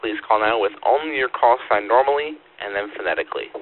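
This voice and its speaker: A man's voice: lowish voice, quick pace. A man speaking over two-way radio as a net controller, in a formal, procedural check-in style, repeating details back. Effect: two-way radio transmission. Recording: phone-like radio static and hum. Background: radio static and hum.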